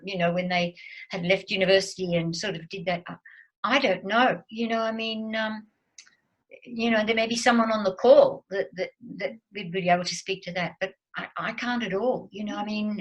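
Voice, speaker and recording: A woman's voice: medium pitch, rough recording. A woman in her seventies chats as a guest over a video call. She talks hesitantly, with many fillers and false starts. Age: 70s. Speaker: guest speaker. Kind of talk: casual chat on a video call.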